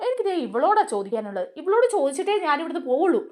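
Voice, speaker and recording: A woman's voice: sits high, sing-song, very fast, darkish tone. A woman voicing a brash young man who confronts and accuses others, in a raised, insistent voice. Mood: accusing.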